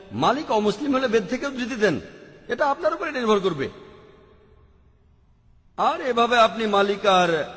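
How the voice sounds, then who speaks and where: A man answers audience questions at a religious lecture in a high, carrying voice. He works methodically, reciting verses and listing what can be done point by point. The sound hangs in a long hall reverb. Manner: methodical, quotes scripture verses and lists options.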